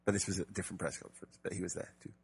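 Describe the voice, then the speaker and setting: Husky guy, lowish voice, rambling jokey podcast chat about games. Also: steady tone, rapid-fire. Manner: chatty, jokey, many fillers and restarts. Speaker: podcast co-host. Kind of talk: casual gaming podcast chat.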